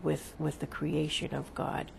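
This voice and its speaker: This is a seance medium speaking as a channeled spirit. The voice crackles heavily with fry and moves very slowly, with little rise or fall. The phrasing is solemn, halting and formal, over faint background noise. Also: mid-range voice, monotone, darkish tone. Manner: halting, deliberate, formal phrasing with long pauses.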